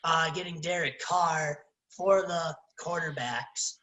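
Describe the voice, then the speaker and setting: Man, podcast co-host, relaxed sports chatter who steers the topics, roomy echo on the voice. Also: fairly high pitch, slow pace. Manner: relaxed, leads the discussion and moves to new topics. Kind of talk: casual sports chat.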